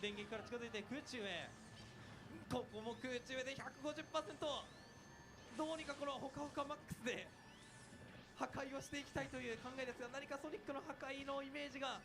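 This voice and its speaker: A man gives excitable play-by-play commentary on a fighting game tournament. His voice sits very high and the calls fly out at a breakneck pace. Music plays clearly behind him. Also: rapid-fire. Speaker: esports commentator.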